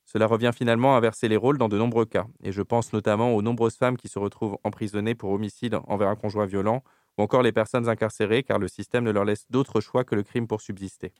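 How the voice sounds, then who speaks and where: A man with a lowish voice reads his radio column in a measured, argumentative way. He sounds critical. The sound is dry and close. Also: a little mellow, no echo. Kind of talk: read political radio commentary.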